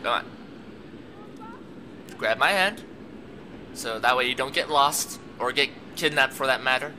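A young man giving let's play commentary, excitable and talking to the game's characters as he plays. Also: medium pitch, measured pace, noisy background. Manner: excitable, talks to the game characters, laughs a lot. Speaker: gamer.

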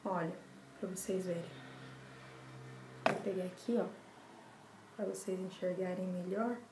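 In an echoey, small bare room, a young Brazilian woman vlogs casually to the camera while showing desserts, often repeating words for emphasis in her Brazilian Portuguese accent. Her voice is on the low side and steady, at a measured pace. Heavy background noise runs under the recording.

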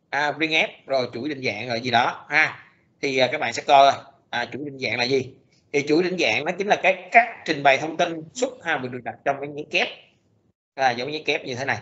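A male lecturer explains code slowly, filling pauses with hesitant sounds and restarting his sentences. His voice is bright and forceful, and the recording is dull and lo-fi. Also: mid-range voice. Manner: halting, many fillers and restarts. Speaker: programming lecturer.

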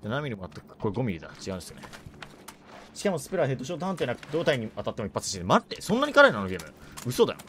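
A woman live-streaming a shooter game in casual chat, rough and tough-talking, joking, reacting loudly to the game and greeting viewers. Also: extremely low pitch, sing-song, very fast, slight background noise.

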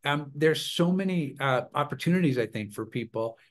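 A man hosting a podcast interview, talking in a casual, halting way with lots of fillers. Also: fairly high pitch, expressive. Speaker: podcast host.

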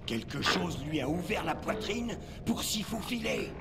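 A man's voice: high voice, animated, a little slow, gravelly, over loud music, heavily acted. A man playing an uneasy, hesitant marine private in a French video game, answering his superiors. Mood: puzzled, uneasy.

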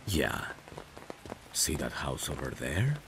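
Rain falls in the background as a man with a rumbling low voice delivers a tender, intimate ASMR roleplay, very animated yet taking it slowly. He portrays a caring, protective male friend hiding romantic feelings, and the background is noisy.

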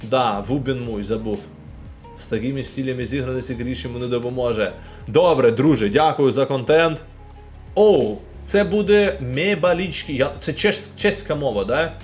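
A man's voice: medium pitch, moderate pace, soft background music. A young man from Ukraine casually commenting live while opening game packs and talking to his chat. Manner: chatty, animated, talks to chat.

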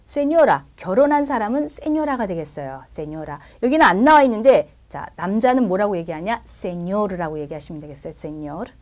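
A woman's voice: medium pitch, animated, moderate pace, few pauses. A woman teaching Spanish in a recorded lesson, explaining step by step and often checking in with her listeners.

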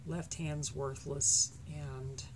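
Speaking extremely slowly in a low, flat, scratchy voice, this woman in her thirties wanders through her thoughts with plenty of ums. It's an unscripted, casual update to supporters from an artist, filmed on a desk webcam in a cramped, messy bedroom at night, with noisy sound.

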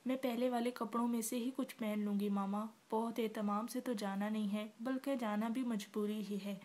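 A woman reading the part of a calm young wife who speaks softly and steadily in a storybook novel. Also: a little high, normal speed, lightly acted. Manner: soft, composed.

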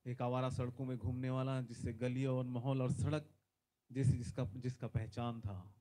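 On a large conference stage, a man in his forties preaches as a guest speaker, praying and sermonizing into a handheld microphone. His mid-range voice barely moves in pitch and keeps a moderate pace, yet he is fervent, shouting emphatic bursts and repeating hallelujah often.

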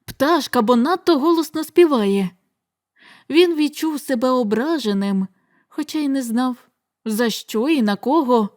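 A woman narrating a horror audiobook in a measured, dramatic storytelling manner. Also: fairly high pitch, a little mellow. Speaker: audiobook reader.

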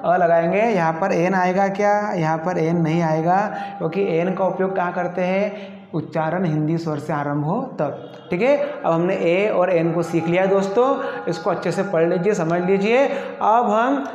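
High-pitched man teaching in an echoey room. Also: fairly even intonation, normal speed, darkish tone, a little hiss or hum. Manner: repeats questions to the class and answers them himself. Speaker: English teacher. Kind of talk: classroom lesson. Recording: echoey, muffled room recording.

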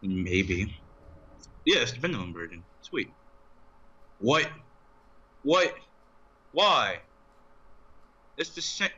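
Laid back young guy watching a card game, slow talker, laughs a lot, voice swings up when surprised. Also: medium pitch, big pitch swings, sharp tone, lo-fi sound. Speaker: co-commentator. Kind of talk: casual commentary over an online card game.

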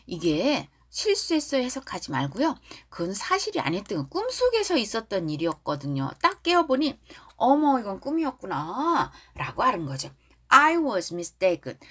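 Slow, lively-voiced woman teaching lyrics. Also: medium pitch, slightly rough. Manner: drawls lyric lines slowly for repetition, then explains quickly. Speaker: English teacher. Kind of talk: pronunciation lesson on song lyrics.

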